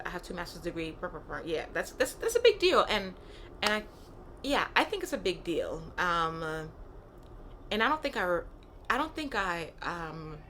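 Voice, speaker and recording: There's a little hiss or hum behind this fairly low, slightly bright female voice. She's a thirties-aged solo podcast host, Nigerian by birth and raised in Brooklyn, New York, speaking casually and candidly, repeating phrases and often asking "right?".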